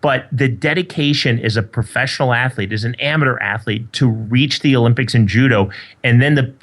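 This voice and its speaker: A man's voice: medium pitch, brisk, a bit bright. Man telling sports stories on a podcast. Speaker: podcast co-host. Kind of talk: casual chat.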